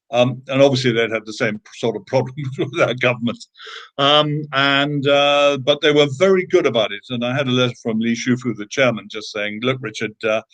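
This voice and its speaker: A man's voice: mid-range voice, fairly bright tone. A British man, a guest in an interview, telling a story in a conversational way: emphatic, with frequent fillers and restarts.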